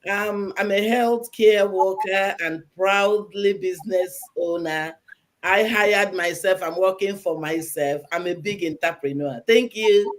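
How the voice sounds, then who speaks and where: A woman's voice: mid-range voice, steady tone, a little slow. A woman from Nigeria, a cheerful panel guest introducing herself over a video call.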